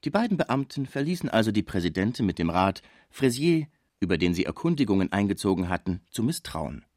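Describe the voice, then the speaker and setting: A male audiobook narrator with a low, lively voice reads a classic novel with expressive storytelling. The recording is dry and close to the mic, with no room sound. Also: brisk, no room sound. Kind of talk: audiobook reading.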